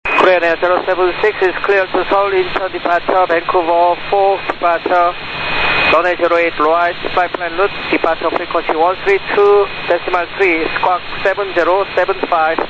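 A man's voice: high voice, little pitch movement, normal speed. A man working as an airline pilot, giving a clipped, procedural radio readback over aircraft radio. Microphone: aircraft radio transmission. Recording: noisy muffled aviation radio.

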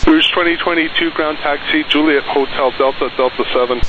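A man's voice: on the high side, steady tone. Male ground controller, terse radio phraseology, heard through a muffled, static-filled two-way radio. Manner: brisk, terse, by-the-book. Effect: transmitted over a two-way aviation radio. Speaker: ground air traffic controller.

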